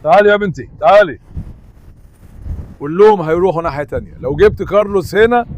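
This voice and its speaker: A man's voice: high-pitched, fast talker, dull audio. A man with an Egyptian Arabic accent making a casual vlog outdoors at the seashore, eagerly and affectionately calling out to his dogs on a handheld microphone.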